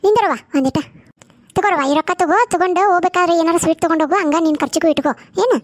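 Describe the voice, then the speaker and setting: Sharp-tongued old mother-in-law voiced by a woman, bone-dry close recording. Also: very high voice, rapid-fire, dry recording. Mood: insistent.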